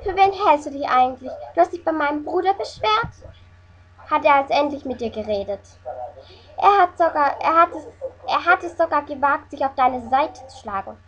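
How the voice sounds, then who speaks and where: Brief: a woman doing a sneering high-school mean girl, high voice, dull lo-fi sound. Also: lively intonation, moderate pace, slight background noise. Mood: scornful. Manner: scornful, threatening. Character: spoiteful teenage schoolgirl bully. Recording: dull lo-fi recording.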